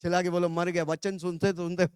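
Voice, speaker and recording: A man from India preaching a call-and-response sermon, telling the congregation to repeat phrases and shouting hallelujahs. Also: sits high, flat delivery, a little fast, smooth, no room sound, studio quality.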